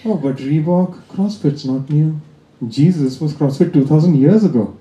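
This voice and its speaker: On a comedy club stage, an Indian man with an Indian accent performs stand-up, teasing the crowd with dry delivery. His voice is fairly high and mellow at a moderate pace. The live club sound is roomy, with a little hiss or hum.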